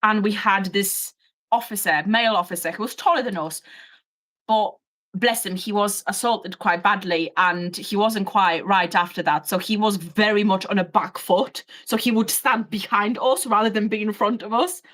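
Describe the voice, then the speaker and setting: A woman, a former prison officer, tells workplace stories in a blunt, animated way and swears freely. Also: medium pitch, normal speed. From United Kingdom. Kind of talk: casual storytelling chat.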